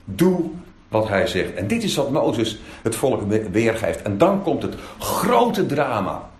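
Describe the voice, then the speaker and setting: A man's voice: medium pitch, very animated, slow. Guy preaching a sermon, firm and emphatic, asks lots of questions, echoey church room. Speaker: pastor. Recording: echoey room, faint ambience.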